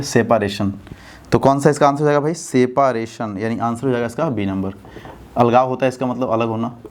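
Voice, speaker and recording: Indian guy going through english test answers, keeps asking the class if its clear. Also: medium pitch, darkish tone. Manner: explains step by step, asks students rhetorical checks. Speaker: English teacher. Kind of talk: exam-prep lesson explaining answers.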